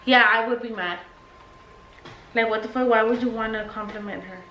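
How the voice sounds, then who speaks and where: A woman's voice: a little high, fairly even intonation, moderate pace, sharp tone, muffled recording. A young woman YouTube vlogger, tipsy and rambling in a casual Q&A chat, blunt and sweary. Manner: tipsy, loose rambling talk. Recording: echoey room with faint noise.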